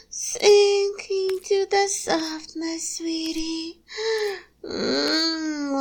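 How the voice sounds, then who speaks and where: A woman voicing a doting female succubus in an erotic audio roleplay, speaking softly and soothingly with breathy moans between phrases. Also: high-pitched, heavily acted. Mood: soothing, sensual. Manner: slow, cooing, soothing. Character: doting adult female succubus, soft motherly lover.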